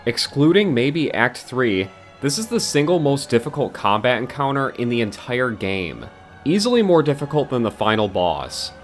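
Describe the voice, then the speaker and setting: A man's voice: medium pitch, sing-song, moderate pace, faint music behind. A man giving a scripted, blunt and exasperated game critique as a video essayist, swearing now and then.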